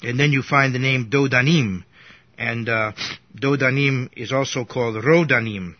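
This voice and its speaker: A man's voice: medium pitch, steady tone, normal speed. A man teaching an informal Bible lesson, rambling and restarting his sentences, with an occasional cough. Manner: rambling, with frequent restarts and asides. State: coughing now and then. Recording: dull lo-fi recording.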